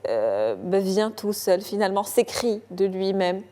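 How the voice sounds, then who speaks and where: A woman hosts a television culture show from a studio, formal and courteous. Her voice is mellow and mid-pitched, and her questions slip into brief hesitations. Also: sing-song, unhurried. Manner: formal, polished introductions with some hesitant fillers. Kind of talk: TV interview.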